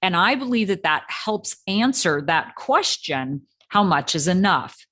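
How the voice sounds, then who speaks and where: A woman with a fairly low voice speaks as a guest coach on a podcast. She explains her points confidently and with emphasis, like someone used to teaching. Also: very animated, a little slow, fairly bright tone. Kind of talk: interview answers.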